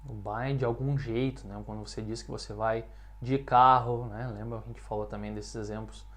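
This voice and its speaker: A man from Brazil teaching an English lesson in Portuguese, explaining patiently and saying the English examples slowly and clearly. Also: medium pitch, fairly even intonation. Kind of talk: language lesson.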